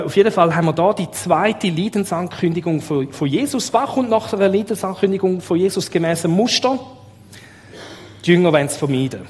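A man with a Swiss German accent preaching a sermon, lively, putting rhetorical questions to his listeners. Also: high voice, big-room sound.

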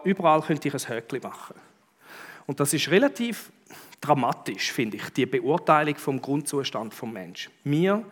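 A middle-aged man with a Swiss German accent preaching a sermon in a lively, conversational way, punctuating his points with emphatic interjections. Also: on the high side. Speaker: pastor.

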